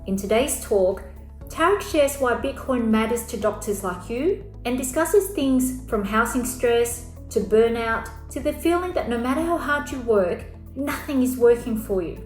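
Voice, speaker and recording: A woman host reading a scripted introduction to a session in a smooth, measured delivery. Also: fairly high pitch, lively intonation, darkish tone. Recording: roomy voice-over with music behind.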